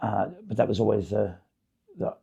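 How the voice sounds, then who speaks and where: A middle-aged man with a hoarse, croaky voice, talking casually as a podcast guest, with many fillers and restarts. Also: on the low side, steady tone, normal speed, dark tone, lo-fi sound. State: hoarse, voice partly gone. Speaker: podcast guest, basketball facility owner. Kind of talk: casual interview chat.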